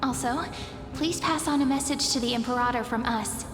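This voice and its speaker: A woman with a fairly high, natural voice speaks at a moderate pace, playing a confident, sincere, girlish companion in a video game. She persuades in an earnest, breezy way. The recording has a long, echoey reverb with music behind her.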